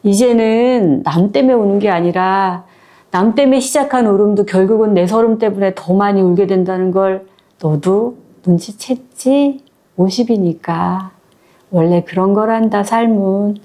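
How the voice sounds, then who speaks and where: A woman voicing a frail grandmother of ninety-four who speaks slowly and gently to her grieving daughter. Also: mid-range voice, close to an everyday voice. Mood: tender. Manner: slow, gentle, soothing. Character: frail 94-year-old grandmother, calm and tender at death.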